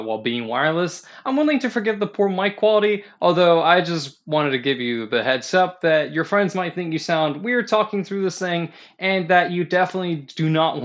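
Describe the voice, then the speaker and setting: Un hombre que reseña auriculares habla a través de un micrófono de auricular barato con un sonido metálico, como una lata, en tono práctico y algo divertido. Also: male voice, a little high, expressive, moderate pace, few pauses, fairly bright tone. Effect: tinny headset microphone, like a tin can. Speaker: headset reviewer. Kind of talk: scripted product review.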